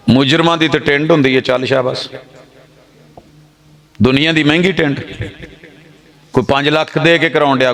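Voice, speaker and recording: A middle-aged man with a Punjabi accent preaching a sermon, rhetorical and switching between Urdu and Punjabi, sometimes chanting repeated phrases. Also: medium pitch. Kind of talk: religious sermon. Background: audience in the hall.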